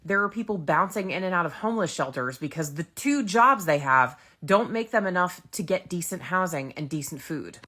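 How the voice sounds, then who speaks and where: A woman's voice: fairly low pitch, lively intonation, moderate pace, few pauses, pushed and bright. An American woman giving informal political commentary as a vlogger, blunt, emphatic and exasperated, her voice slightly muffled through a face mask. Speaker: vlogger, feminist lawyer commentator.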